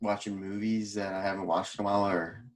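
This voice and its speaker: A man's voice: lowish voice, flat delivery, quick pace. A man co-hosting a casual podcast over a video call, rambling with ums and laughs. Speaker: podcast co-host. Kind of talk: casual chat. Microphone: remote call mic.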